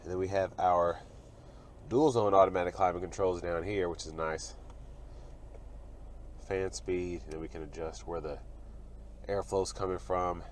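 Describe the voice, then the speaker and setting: A young man with a slightly low voice talks through a car review while getting over a cold. His delivery is relaxed and matter-of-fact as he points out one feature after another. Faint outdoor noise sits behind him. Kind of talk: walkaround car review narration. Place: in and around a parked car outdoors.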